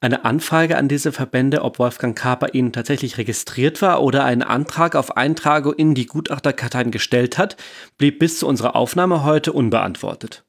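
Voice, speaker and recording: A man's voice: mid-range voice, normal speed. A man co-hosting a true-crime podcast, reading his part of the script in a plain, matter-of-fact way. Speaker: podcast co-host.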